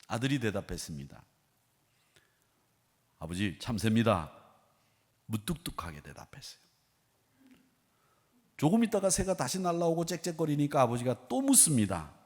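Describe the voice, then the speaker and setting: Male pastor with a lively, ringing voice. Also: fairly high pitch, fairly quick. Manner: swings from loud emphatic declarations to soft, hushed storytelling. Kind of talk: sermon. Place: church sanctuary. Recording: long reverb of a church hall.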